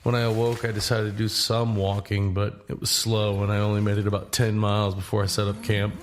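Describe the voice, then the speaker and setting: In a first-person audio drama, an actor with a voice on the low side narrates as an easygoing, weary cross-country walker, sounding reflective and matter-of-fact. His delivery is monotone and a little fast, close to an everyday voice, with a little hiss or hum in the recording.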